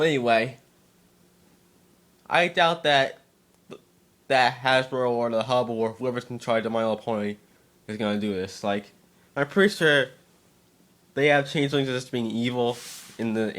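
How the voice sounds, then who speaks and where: A man with a mid-range, fairly bright voice reads a story aloud dramatically. He's an amateur narrator and occasionally trips over his words.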